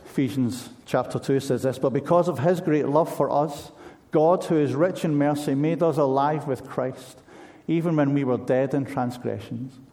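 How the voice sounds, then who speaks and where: A man's voice: mid-range voice, moderate pace, hardly any pauses, mellow. A man preaching a sermon in an earnest, conversational way, asking his listeners pointed questions.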